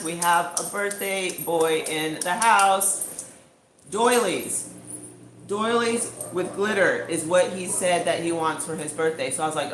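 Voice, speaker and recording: A woman chats through a storytime vlog, her voice sitting at an ordinary middle pitch. She talks loosely and animatedly, leaning on "like" and "you know". The recording has a roomy echo and a faint ambient hum behind it. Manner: chatty, animated, full of fillers like "you know" and "like". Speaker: vlogger. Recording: echoey room with faint ambience.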